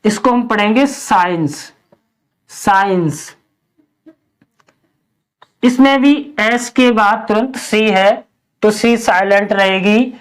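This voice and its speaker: A man's voice: high voice, slow pace, pauses often, clean tone. A man teaching English pronunciation, spelling words letter by letter and drilling each answer with a repeated question. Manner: patient, explanatory. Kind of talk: step-by-step spoken lesson.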